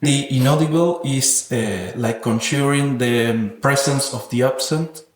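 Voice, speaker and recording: In an echoey room with a roomy sound, a man talks reflectively about his own work as an interviewed sound artist. His voice is medium-pitched and a little slow. His manner is thoughtful and his wording academic.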